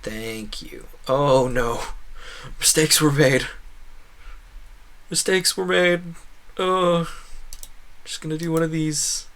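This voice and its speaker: A gaming streamer, a man speaking his native English, gives loose, rambling commentary that is lively and full of jokes, often cutting himself off and muttering asides. His voice is a little high, and he talks slowly with long pauses.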